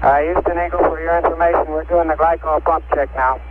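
A man reporting as spacecraft crew to mission control in radio procedure, halting with frequent pauses, over a radio link that breaks up. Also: on the high side, fairly even intonation. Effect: crackly radio link breaking up. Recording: tinny noisy archival radio transmission.

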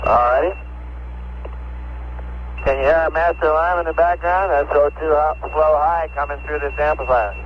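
A man speaking as an astronaut from a spacecraft over a radio link, calm and clipped, with dry humor. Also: fairly high pitch, moderate pace, pauses often. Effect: voice heard over a radio link. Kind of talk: space-to-ground radio exchange. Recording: muffled lo-fi radio with faint hiss.

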